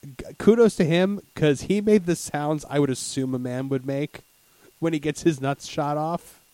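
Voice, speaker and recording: A man co-hosting a casual movie review podcast, animated and crude-humored, often searching for words. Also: fairly high pitch, normal speed, no echo. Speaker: podcast co-host.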